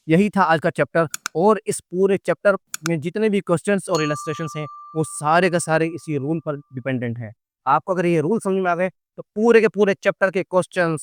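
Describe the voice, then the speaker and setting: A man's voice: on the high side, a little hiss or hum. A male teacher explaining accounting to students patiently, repeating key points and calling them kids. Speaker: commerce teacher. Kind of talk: classroom-style lesson.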